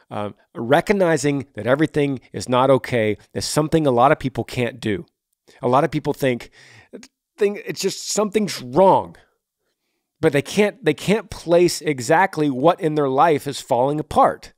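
A man's voice: a little high, lively intonation, moderate pace, no echo, clean studio sound. A man in his forties hosting a podcast, answering a listener's question with earnest, encouraging, reflective advice. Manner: warm, encouraging, reflective with emphatic rises.

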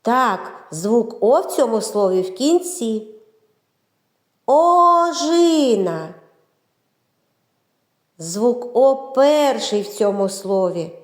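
A woman narrating a children's phonics lesson, with a slow, clear, drawn-out teacher's delivery. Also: medium pitch, lively intonation, darkish tone. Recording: roomy echo.

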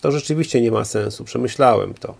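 Detached husband, polite, controlled, hesitant, read by a man, gravelly. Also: medium pitch, a little fast, a little mellow. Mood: earnest, controlled. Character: calm, detached husband leaving home.

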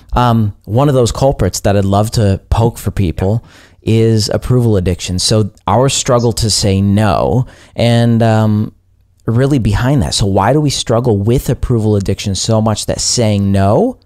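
A man hosting a podcast interview, asking long thoughtful questions in a measured way with a few fillers. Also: lowish voice, a little mellow, no room sound, studio quality. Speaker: podcast host.

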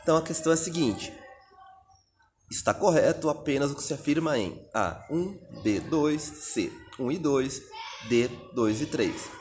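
A man's voice: fairly high pitch, animated, a little slow, darkish tone, faint music behind. A Brazilian man teaching a recorded exam-prep lesson, reading out answer options and explaining each one step by step. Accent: Brazilian Portuguese.

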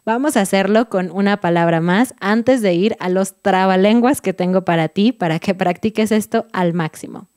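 A woman's voice: medium pitch, normal speed, hardly any pauses, a little mellow, no echo, clean studio sound. A young woman with a Mexican Spanish accent teaching a pronunciation lesson, drawing out each vowel with exaggerated mouth shapes.

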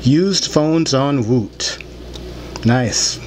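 Hosting his own show from a small room, a man in his thirties delivers an opinionated, rambling rant to camera, blunt, aggrieved and full of profanity. His medium-pitched voice is expressive, and he draws his words out. The desktop microphone ends up held in his hand, and the recording is clear, with background noise and room ambience.

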